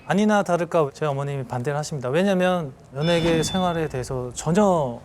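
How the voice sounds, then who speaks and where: A man in his thirties giving a storytelling lecture to an audience, lively and acting out scenes with sound effects. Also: on the high side, background noise. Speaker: celebrity lecturer.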